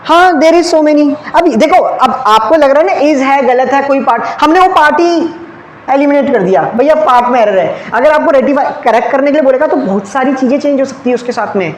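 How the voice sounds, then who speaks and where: In a very high, slightly fast voice, a male teacher leads an exam-prep grammar lesson, firing questions at the class and answering them himself while often checking in with "clear?" and "okay." His voice echoes around a classroom with ceiling fans, over a faint, steady background hum.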